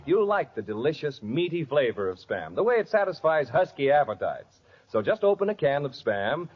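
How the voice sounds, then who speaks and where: An American man announcing and selling products in a polished 1940s radio style. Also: fairly high pitch. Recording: dull old radio broadcast, music behind.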